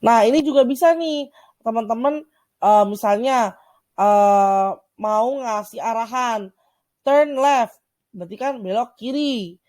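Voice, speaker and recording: A young woman from Indonesia with an Indonesian accent gives a casual lesson over slides, saying English words slowly between relaxed talk full of fillers. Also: on the high side, no echo. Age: young adult. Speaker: student volunteer teacher.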